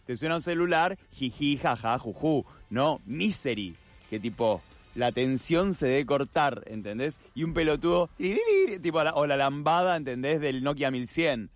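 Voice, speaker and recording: An Argentine man co-hosts a radio show, animated and joking. His voice is close and dry, with faint music behind him. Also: on the high side, normal speed, dry recording. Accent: Argentine Spanish. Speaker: radio co-host. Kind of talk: casual radio chat.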